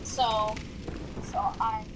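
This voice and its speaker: A woman's voice: on the high side, little pitch movement, drawn-out words. Woman's muffled, distant call voice. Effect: muffled, distant voice coming through a call. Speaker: partner calling in to a live stream. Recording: muffled call audio with loud noise behind.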